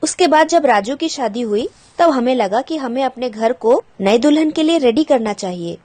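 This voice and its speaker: A woman's voice: high-pitched, lively intonation, normal speed, darkish tone. A woman teacher patiently explaining a school textbook chapter to children, glossing English words and asking the pupils questions.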